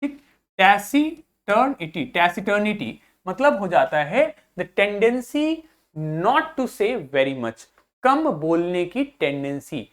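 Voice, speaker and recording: A woman's voice: fairly low pitch, sing-song, takes it slowly. A woman teacher giving a vocabulary class to school children. She repeats each point patiently, spells suffixes out letter by letter and reads words.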